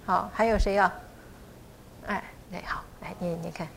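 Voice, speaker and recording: A middle-aged woman teaching a class to pronounce a chant, patiently encouraging students and sounding out syllables slowly. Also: medium pitch, fairly even intonation, gravelly, fairly bright tone, slight background noise. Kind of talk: pronunciation lesson.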